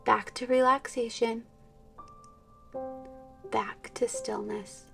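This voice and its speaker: Woman talking you thru a prayerful meditation, real slow and hushed, kinda far from the mic. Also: a little high, fairly even intonation, gravelly. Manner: slow, soft, soothing, drifting into whispers. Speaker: meditation guide. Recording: distant mic with soft instrumental music.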